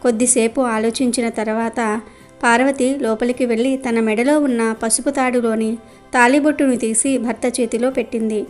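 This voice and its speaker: Woman telling a devotional story, steady and measured, higher voice, soft music underneath.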